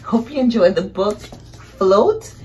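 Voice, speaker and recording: On a low-quality recording with slight background noise, a woman's mid-range, slightly mellow voice sounds very animated yet slow. The middle-aged speaker sits on a couch in a small living room, improvising an expressive picture-book story for young children with exclamations and questions.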